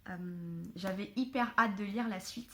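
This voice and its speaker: A woman chatting casually to camera at home about books she was given, filling pauses with hesitations. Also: mid-range voice, steady tone, slight background noise. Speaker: book vlogger. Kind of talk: casual book haul chat.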